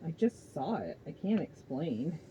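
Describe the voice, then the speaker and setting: A woman's voice: low voice, big pitch swings, a little slow, mellow, slight background noise, rough recording. A woman doing a hesitant young seer girl. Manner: hesitant, puzzled. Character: uncertain teenage girl seer.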